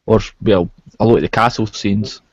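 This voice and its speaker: A man's voice: fairly low pitch, fairly even intonation, moderate pace, no echo, highs cut off. A man chatting casually about movies. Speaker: chat guest.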